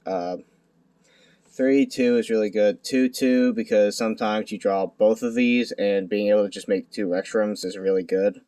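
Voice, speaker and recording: A young man speaking quietly at night in a hushed tone, giving a casual, unscripted card deck profile in a halting, self-deprecating way. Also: fairly low pitch, steady tone, clear, resonant tone. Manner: halting, self-deprecating, stumbling over words. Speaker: amateur video creator presenting a card deck. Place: at home at night.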